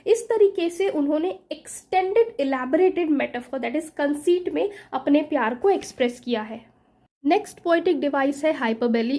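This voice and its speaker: Woman, high voice, mellow tone, teacher, slow when quoting poems. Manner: slow, drawn-out reading of quoted English verse. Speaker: English teacher. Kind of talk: explaining poetic devices in Hindi-English mix.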